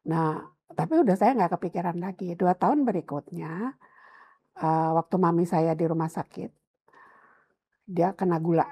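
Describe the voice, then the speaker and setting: Husky, mellow-voiced older woman pastor. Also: lowish voice, moderate pace, pauses often. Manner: animated storytelling, acts out her mother's and her own past words. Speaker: pastor, interview guest. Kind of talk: telling her life story in an interview.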